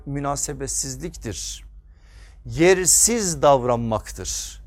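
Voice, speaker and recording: A man delivering a sermon at a pulpit microphone as a preacher, emphatic, repeating phrases and posing rhetorical questions that he answers himself. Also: on the high side.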